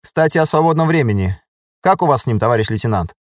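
A man's voice: medium pitch, expressive, fast talker, dry recording, studio quality, voice pushed up, lightly acted. A male audiobook reader voicing a flirtatious woman army sergeant of about forty, bold and teasing. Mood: flirty.

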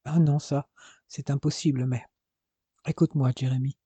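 A man's voice: medium pitch, level tone, moderate pace, mellow, husky, no echo, natural voice. A man voicing a young man crippled after an accident, grave and bitter, in an audiobook.

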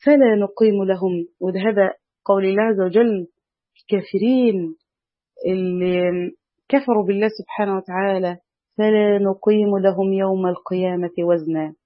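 A woman's voice: medium pitch, steady tone, normal speed, no echo. A woman with an Egyptian accent giving an earnest religious lesson, lifting her voice to stress key words. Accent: Egyptian Arabic. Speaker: religious teacher. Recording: dull, dry lo-fi recording.

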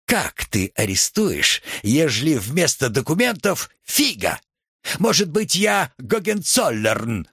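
A man voicing a frantic petty male clerk who squeaks with desperate bravado. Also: big pitch swings, slow pace, a bit bright, slightly rough, no echo, clean studio sound, heavily acted.

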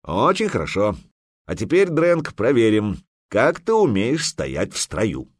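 A man's voice: lowish voice, wildly swooping pitch, unhurried, breathy edge, no echo, full character voice. A man voicing a shrewd, stern veteran warrior who lectures a young recruit.

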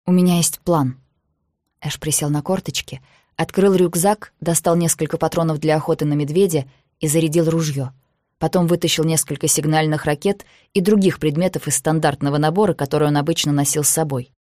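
An audiobook narrator giving a measured, even reading of a thriller novel. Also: mid-range voice, no room sound, clean studio sound.

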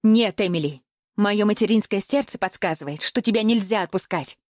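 A woman's voice: medium pitch, normal speed, a little mellow, dry recording, studio quality, natural voice. A woman voicing an anxious, overprotective middle-aged mother who scolds her daughter in an audiobook. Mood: scolding.

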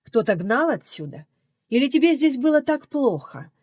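A woman reading an audiobook, voicing an indignant middle-aged mother who scolds her daughter in loud, rising outbursts, recorded dry and close. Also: high voice, sing-song, normal speed, slightly rough, no echo, voice pushed up, full character voice. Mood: scolding.

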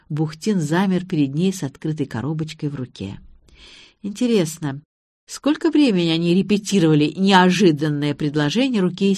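A woman narrates an audiobook in the first person, lively and ironic. Her voice sits low, recorded close and dry in a studio. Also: no echo.

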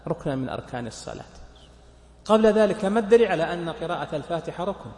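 A man's voice: fairly high pitch, lively intonation, very fast, darkish tone. A man, a sheikh, explaining a legal text to his students, counting points aloud and asking them questions. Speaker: sheikh teaching a fiqh text. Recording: echoey hall with long reverb.

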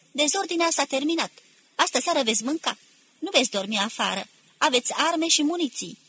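A woman reading aloud, voicing a male militia commander who shouts slow, forceful orders to exhausted troops. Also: fairly high pitch, breathy edge, full character voice.

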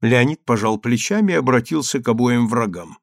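Expressive male audiobook narrator. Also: medium pitch, a little fast, creaky, dry recording, studio quality. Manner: expressive reading, voicing each character.

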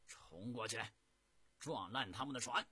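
A man's voice: mid-range voice, animated, measured pace, breathy edge, pitched above the performer's own voice, full character voice. A man voicing a boastful ruthless warlord. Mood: furious. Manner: sneering, shouting orders.

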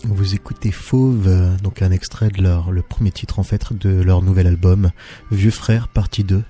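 A man hosting a music podcast, introducing songs in a halting, casual way with frequent pauses and restarts. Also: low-pitched, steady tone, mellow. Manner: hesitant, halting with many fillers and restarts. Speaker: radio podcast host. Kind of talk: casual music show presenting.

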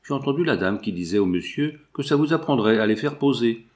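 A man's voice: medium pitch, lively intonation, a little fast, darkish tone, natural voice. A man voicing a matter-of-fact young male gamekeeper in an audiobook. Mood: plain. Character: young male gamekeeper, plain-spoken servant.

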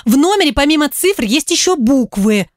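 A brash young woman yelling rudely into the phone, her voice pitched high and sharp with impatience, as a woman narrator puts her on. The reading sounds close and dry, as in an audiobook studio. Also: lively intonation, moderate pace, dry recording. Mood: shouting, irritated. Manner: shouting, rude and impatient.

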